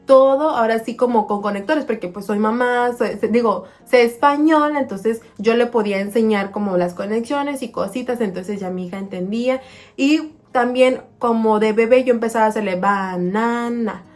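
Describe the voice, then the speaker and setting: Woman, fairly high voice, chatty vlog storytelling, slow careful word demos, soft music underneath. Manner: chatty, spells out words slowly and clearly when showing how she taught them. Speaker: vlogger mother. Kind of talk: casual storytelling to viewers.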